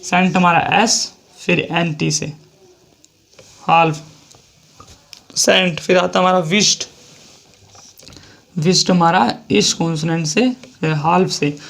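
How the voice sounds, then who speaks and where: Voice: medium pitch, vocal fry. A shorthand teacher with an Indian accent explaining a lesson step by step, repeating each example and spelling words out letter by letter.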